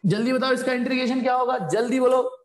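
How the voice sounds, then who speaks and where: Brief: very high-voiced male tutor, jokey and pushy, echoey room. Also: level tone, fast. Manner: playful, jokey, coaxing students to answer. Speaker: physics teacher. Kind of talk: live online class lecture.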